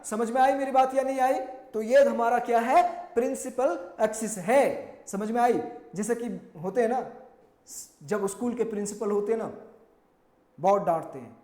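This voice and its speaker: A male physics teacher giving a classroom lecture, asking and answering his own questions and repeating key terms, mixing slowly spoken English technical phrases into his speech and addressing students with affectionate encouragement. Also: very high-pitched, mellow. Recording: echoey room.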